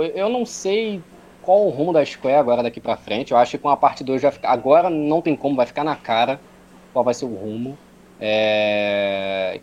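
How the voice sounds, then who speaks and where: A man's voice: a little high, a little mellow, muffled recording. A man chatting casually about games, rambling with many fillers. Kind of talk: casual gaming chat.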